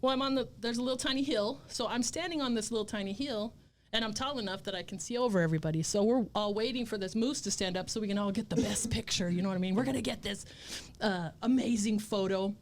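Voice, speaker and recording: A woman in her fifties telling stories as a guest in a casual interview, blunt, profane and animated. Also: medium pitch, quick pace, slight background noise. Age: 50s. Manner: animated storytelling.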